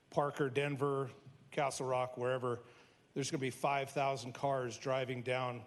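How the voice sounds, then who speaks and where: A man, a local resident, giving public comment at a meeting in an earnest, measured way with frequent restarts. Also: mid-range voice.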